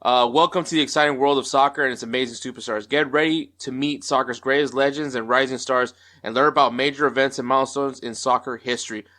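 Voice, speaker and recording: A man's voice: medium pitch, steady tone, fast talker, hardly any pauses, pushed and bright. Chatty upbeat man hosting a podcast. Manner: upbeat and chatty, with frequent fillers and restarts. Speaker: podcast host. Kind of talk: casual podcast intro and interview.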